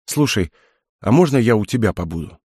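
A man voicing a stubborn, sharp-tongued young woman in an audiobook, sarcastic and uneasy by turns. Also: on the low side, animated, brisk, slightly rough, dry recording, studio quality. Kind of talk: audiobook dialogue.

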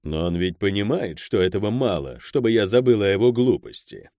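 A man voicing an old, stern crime boss who speaks slowly and curtly, grumbling his orders. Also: on the low side, sing-song, a little mellow, no echo, clean studio sound. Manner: slow, curt, grumbling.

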